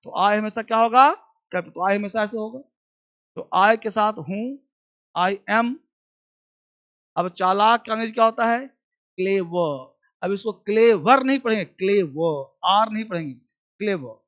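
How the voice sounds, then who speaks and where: A man's voice: sits high, steady tone, moderate pace, long pauses, a bit bright, muffled recording. A man teaching a basic English class, drilling words and repeating questions for students to answer.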